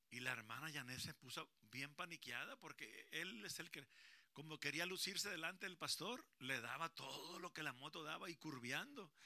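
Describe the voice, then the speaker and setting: A man preaching as a pastor at a church service, animated and calling on the children and congregation to repeat after him. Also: on the high side, gravelly, dry recording. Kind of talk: lively bilingual sermon to a congregation.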